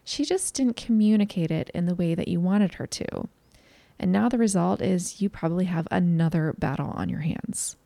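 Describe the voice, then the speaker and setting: A woman with a gravelly, mellow voice gives parenting advice to other parents. She talks in an earnest, candid, conversational way, and the sound is close and dry. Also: lowish voice, moderate pace, no room sound. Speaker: parenting educator. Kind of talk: talk to parents.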